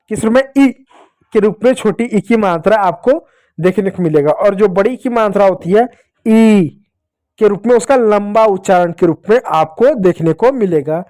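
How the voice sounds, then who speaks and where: Mellow-voiced man teaching children to read. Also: sits high. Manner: slow, drawn-out pronunciation drills with repeated checks; asks questions and answers them himself. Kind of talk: children's Hindi reading lesson.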